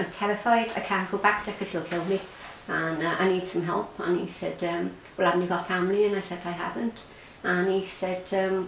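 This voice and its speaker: Irish woman telling her story, roomy echo. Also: medium pitch. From Ireland. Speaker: interviewee recounting her experience. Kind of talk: personal testimony in an interview. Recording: roomy echo, faint background noise.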